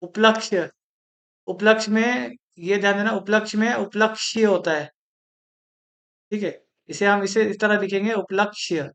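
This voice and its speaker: A man teaching a Hindi spelling lesson for exam preparation, slowly repeating each word and explaining its correct form. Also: high voice, a bit bright. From India.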